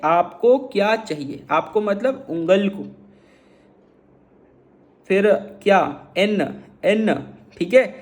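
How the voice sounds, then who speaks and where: High-voiced man teaching beginner phrases. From Lucknow, northern India. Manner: drills phrases slowly, checks in with "okay?" often. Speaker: language learner teaching beginners. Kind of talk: casual vlog-style language lesson.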